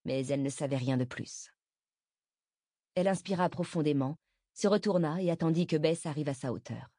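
A woman reading a novel aloud as narrator, in an even, measured manner. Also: sits low, no echo, clean studio sound. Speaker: audiobook narrator. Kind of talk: scripted narration.

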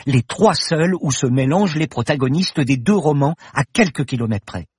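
A man reading an audiobook and voicing an eager, excitable young woman student who loves solving riddles. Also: medium pitch, unhurried, breathy edge, dry recording, studio quality, pitched above the performer's own voice. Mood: excited. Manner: excited, insistent, rising. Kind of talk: audiobook character voice.

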